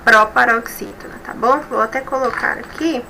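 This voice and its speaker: A Brazilian woman teacher with a Brazilian Portuguese accent, explaining rules slowly and stepwise in a recorded school review lesson, often checking in with her students. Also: fairly high pitch, background noise. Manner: slow, explanatory, repeats rules and checks with "tá bom?".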